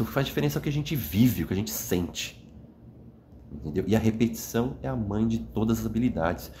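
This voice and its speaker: A man with a lowish voice talks to the camera late at night, earnest and wandering, often checking with the listener. He sounds worn out after a long day of crying. A faint hum of room ambience sits behind him. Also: darkish tone. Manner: earnest, rambling, frequent "né?" tags. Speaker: vlogger. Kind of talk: emotional reflective monologue. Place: indoors, at night.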